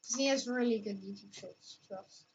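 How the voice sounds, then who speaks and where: High-pitched woman host, loose rambling chat, muffled lo-fi audio. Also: normal speed, a little hiss or hum. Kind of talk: casual reaction chat. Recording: dull lo-fi audio.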